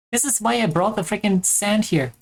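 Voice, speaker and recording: A German woman with a German accent and a medium-pitched voice streams a game, chatting casually and rambling with self-mocking humor.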